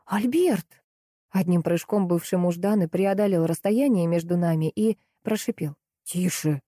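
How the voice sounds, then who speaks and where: A woman narrating a novel in first person, reading in a lively, expressive way close to the mic. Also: fairly low pitch, moderate pace, dry recording. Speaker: audiobook narrator.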